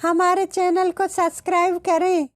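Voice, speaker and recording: Man doing a squeaky monotone prompt voice, very high, dry sound. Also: unhurried, no echo. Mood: flat. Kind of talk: channel subscribe prompt.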